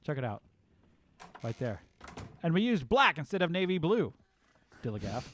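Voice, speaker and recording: A man's voice: on the high side, very animated, normal speed, a bit bright, no room sound. A man hosting a casual game livestream from home, chatting in an upbeat way and reading viewer comments aloud. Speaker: livestream host. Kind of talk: casual live-stream chat.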